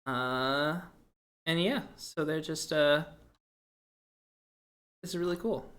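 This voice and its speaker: A man's voice: fairly high pitch, slow pace, a bit bright. A man from Seattle hosting a casual game podcast, chatting about new releases, laughing often and retelling jokes. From Seattle, Washington. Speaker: podcast host.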